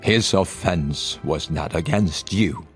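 A man's voice: low voice, soft background music, voice pushed down. A man playing a grave, noble lion king. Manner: slow, grave, calm.

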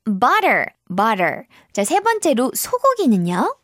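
A woman's voice: on the high side, wildly swooping pitch, takes it slowly, a bit bright, no room sound, clean studio sound. A woman teaching English to children in a cheerful, encouraging, sing-song way. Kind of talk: online English lesson for children.

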